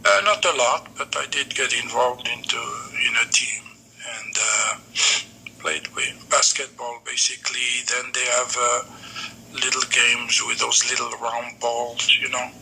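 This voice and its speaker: A Morocco-born man in his seventies recalls his childhood for his grandson over a video call, unhurried and pausing often on "uh". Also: mid-range voice, steady tone, gravelly, noisy background. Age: 70s. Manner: unhurried reminiscing, pauses often on "uh". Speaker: grandfather being interviewed. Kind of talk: remote family interview.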